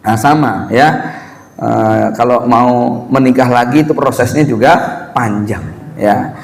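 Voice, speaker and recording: Animated preacher in a reverberant hall. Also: male voice, mid-range voice, measured pace, creaky. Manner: lively, rising loud for emphasis, addressing the congregation. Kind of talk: sermon.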